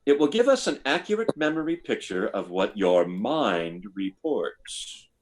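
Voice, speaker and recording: An actor playing a hesitant, probing army psychiatrist in an old-time radio science fiction drama, stammering and deliberate. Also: male voice, on the low side, sing-song, background noise. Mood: hesitant, clinical.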